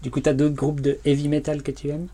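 Very deep-voiced woman. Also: level tone, a little fast, warm tone, breathy edge. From France. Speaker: livestream co-host. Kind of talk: casual livestream chat. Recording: noisy home livestream audio.

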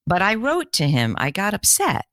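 Animated woman telling quick stories. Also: medium pitch, no room sound, clean studio sound. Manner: animated storytelling, quick bursts. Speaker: guest career coach. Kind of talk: casual interview chat.

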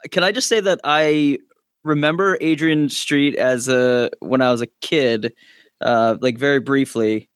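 A man's voice: mid-range voice, a little slow, smooth, dry recording, studio quality. A man on a podcast panel in casual chat, with loose, hesitant phrasing full of fillers.

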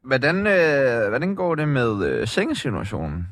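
A man's voice: medium pitch, huge pitch swings, fairly bright tone. A man co-hosting a radio show, teasing and mock-solemn during casual prank calls. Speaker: radio co-host.

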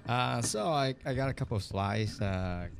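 A man's voice: medium pitch, expressive, normal speed, gravelly, background noise. A man in his forties with a Vietnamese accent, a custom gunsmith and engineer talking in a casual interview, hesitant with many fillers and broken grammar.

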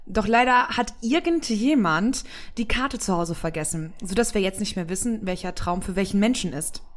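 A woman's voice: mid-range voice, expressive, moderate pace, close to an everyday voice. A woman as a cheerful female Santa. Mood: friendly. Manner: friendly, breezy, reassuring.

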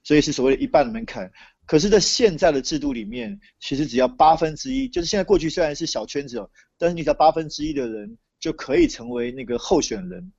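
A man's voice: fairly high pitch, sing-song, fast talker, vocal fry, a little mellow, slightly rough, dry recording. A man from Taiwan with a Taiwanese Mandarin accent explains things conversationally as an interview guest over a remote call. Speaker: interview guest, political commentator. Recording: dull lo-fi remote call audio.

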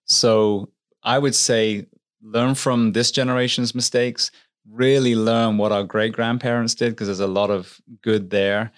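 A man's voice: on the low side, little pitch movement, unhurried. A middle-aged English man, a firefighter and author, giving earnest, reflective advice as a guest in a conversational interview. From England.

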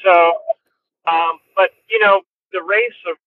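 High-voiced man on a distant phone line. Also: fairly even intonation, measured pace, no echo. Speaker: interview guest, racing driver. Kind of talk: casual interview chat. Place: inside a car. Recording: muffled phone call from a moving car.

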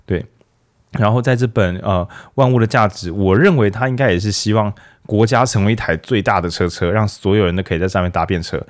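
Chatty man, low voice. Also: fairly quick. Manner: chatty, animated, jokey rhetorical questions. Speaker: podcast host of a book talk. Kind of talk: casual book review talk.

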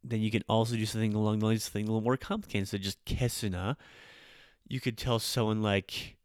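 Low-voiced man teaching Japanese, rolling his R's. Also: level tone, fast talker, no room sound, clean studio sound. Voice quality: rolled R's when speaking Japanese. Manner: informal, chatty, explains with acted-out examples. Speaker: podcast host and Japanese language teacher. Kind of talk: casual spoken grammar lesson.

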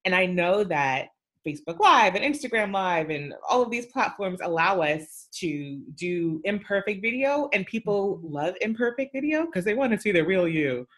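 A woman's voice: medium pitch, very animated, moderate pace, a bit bright. A middle-aged woman talking casually on a podcast about social media platforms, emphatic and chatty, with many fillers.

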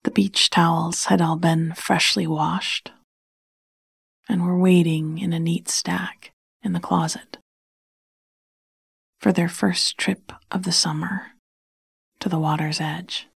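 Breathy, whispery woman, slow and soothing. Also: lowish voice, fairly even intonation, no echo, studio quality. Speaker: sleep podcast host and storyteller. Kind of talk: soft bedtime story narration.

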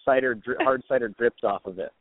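Male guest caller, relaxed casual chat, dry telephone-band audio. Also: medium pitch, fairly quick, no echo. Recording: dry, tinny phone-like call.

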